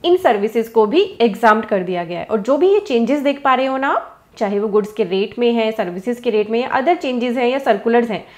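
A woman in her thirties with an Indian English accent, explaining tax rules. She reads English lines slowly and explains them quickly in Hinglish. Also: fairly high pitch, animated. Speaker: tax educator. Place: small office with a plant.

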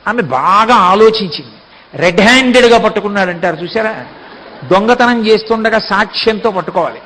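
A man giving a devotional discourse, telling a story with lively delivery and acting out the characters. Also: sits high, brisk, slight background noise, low-quality recording. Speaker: spiritual discourse speaker.

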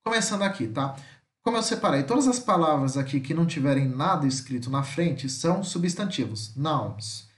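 Man, English teacher, patient step-by-step explanation, higher voice, echoey room. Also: animated, normal speed. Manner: explains step by step, checking in with a frequent "tá?". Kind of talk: classroom lesson explanation.

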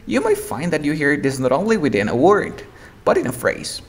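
A man teaching an English pronunciation lesson, explaining patiently and repeating example words slowly and with emphasis. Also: on the high side, wildly swooping pitch.

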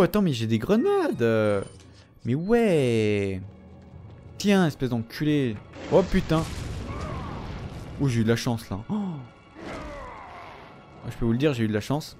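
Excitable young French-speaking gamer. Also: male voice, mid-range voice, a little hiss or hum. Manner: excitable, swears and trash-talks enemies. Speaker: let's play commentator. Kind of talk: casual gameplay commentary.

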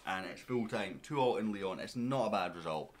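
A man's voice: on the low side, expressive, normal speed. A man giving casual let's-play commentary as a gaming YouTuber, chatting straight to his viewers and to his players.

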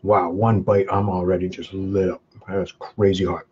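A Canadian hot sauce vlogger chats casually on a live webcam stream, eating spicy pizza, humming and chewing between short remarks as the peppers make him sweat. His voice is darkish and level, at a moderate pace. The webcam mic gives dull, low-fi audio with faint noise.

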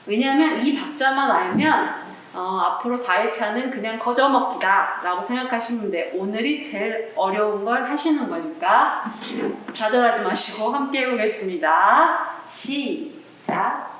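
A woman leads an online rhythm lesson, speaking straight to viewers and counting beats out loud. Her voice sits a little high. The recording is very echoey and picked up from a distance. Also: animated, normal speed, a little hiss or hum. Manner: friendly, counts beats aloud, addresses viewers directly. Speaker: flamenco rhythm instructor. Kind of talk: online arts class lesson. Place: indoor room, seated. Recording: very echoey room, voice off-mic.

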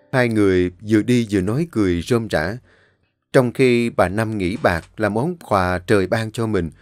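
A man narrating a story, reading in a steady, measured way. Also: on the low side, dry recording.

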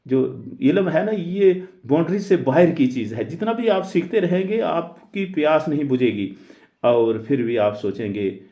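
A man teaching in a deliberate lecture, pausing often on "uh" and mixing English phrases into his speech. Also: a little high, very animated, dark tone. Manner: deliberate, hesitant with frequent "uh" fillers. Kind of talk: explanatory lecture. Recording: roomy, dull lo-fi recording.

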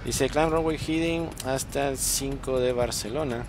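A man talks through his flying live on a stream. The commentary is casual and off the cuff. Loud music and engine noise run underneath. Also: mid-range voice, unhurried. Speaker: flight simulator streamer.

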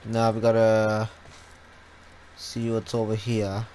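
A man doing casual gameplay commentary and reading in-game notes aloud, a little haltingly. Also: fairly low pitch, monotone, a little mellow. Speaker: game streamer. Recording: clear game noise behind voice. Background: video game sounds and dialogue.

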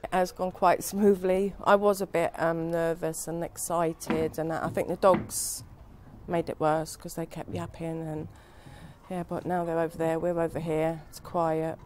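Flat-toned English woman tenant. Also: sits low, measured pace, slight background noise. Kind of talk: documentary interview.

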